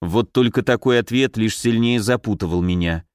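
Steady male audiobook narrator. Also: on the low side, moderate pace, clean tone, no echo, studio quality. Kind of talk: scripted fantasy narration.

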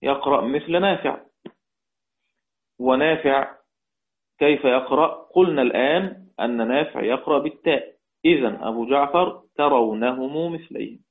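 A man's voice: mid-range voice, moderate pace. Egyptian man teaching in tinny audio. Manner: explains step by step, asks the class questions and repeats key phrases. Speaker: Quran recitation teacher. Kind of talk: lecture on Quranic readings.

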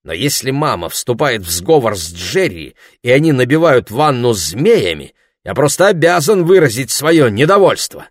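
A man's voice: mid-range voice, sing-song, moderate pace, dry recording, studio quality. A man reading aloud voices a pompous young man complaining indignantly. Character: pompous, peevish young man, older brother.

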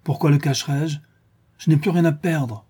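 A man's voice: medium pitch, moderate pace, warm tone, slightly rough, close to an everyday voice. A man voicing a proud, passionate young man pleading before a count, in a read-aloud story. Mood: impassioned. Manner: impassioned, defiant. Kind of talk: audiobook reading.

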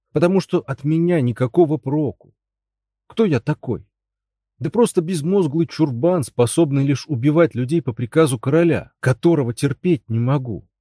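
A man's voice: a little high, lively intonation, normal speed, dark tone, dry recording, studio quality. A man voicing a big, gloomy male knight who speaks plainly and glumly about himself. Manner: glum, plain-spoken. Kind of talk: audiobook character voice.

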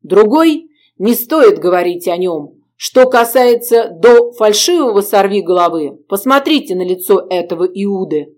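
A woman reading the lines of a proud, bold young male zouave soldier in an audiobook, loud and commanding. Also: medium pitch, animated, a little slow, lightly acted.

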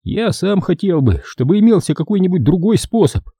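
A calm young doctor in an audiobook, soft and earnest, as a male narrator puts him on with his voice lifted well above his own. The tone stays husky and dark, with a dry, close sound. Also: on the high side, moderate pace, dry recording, voice pushed up.

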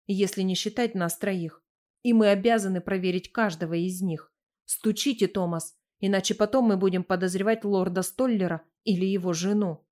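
A stern male diplomat argues insistently, loud and firm. A woman narrator plays him in an audiobook reading, with only a light change from her own voice. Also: mid-range voice, close to an everyday voice. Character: stern French diplomat, brisk, forceful man.

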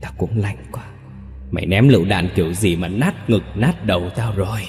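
A man's voice: sits low, normal speed, a little mellow, echoey room, in a large hall, soft background music, lightly acted. A man voicing the cold, resentful ghost of a betrayed old friend.

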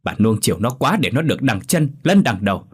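A man's voice: mid-range voice, sing-song, husky. Man doing a furious, drunken father. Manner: fast, furious scolding. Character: angry drunken father, middle-aged, hot-tempered.

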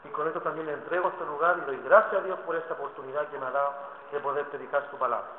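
A man preaching a sermon as a guest preacher, impassioned and building to shouts. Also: fairly high pitch, steady tone, rapid-fire, a little hiss or hum. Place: church. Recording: echoey church hall over tinny line.

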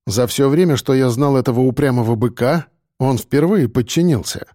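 Brief: male narrator, mellow dark voice, steady and tense, dry close mic. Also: mid-range voice, moderate pace, dry recording. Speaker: audiobook narrator. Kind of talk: first-person audiobook narration.

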